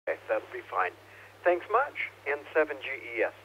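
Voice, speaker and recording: A man's voice: on the high side, huge pitch swings, brisk. A man talking casually and politely over amateur radio, somewhat hesitant, in a radio net exchange. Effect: two-way radio. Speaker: amateur radio operator checking in. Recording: muffled two-way radio, hissy hum.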